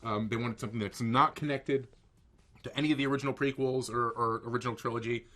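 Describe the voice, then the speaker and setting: A man's voice: medium pitch, steady tone, fast, a bit bright. A man co-hosting a casual movie review podcast, goofy and rambling. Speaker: podcast co-host.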